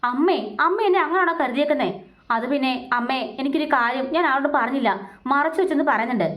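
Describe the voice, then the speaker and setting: A woman's voice: sits high, quick pace, dull audio, lightly acted. Woman voicing a pleading young daughter-in-law. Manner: pleading, self-pitying explanations.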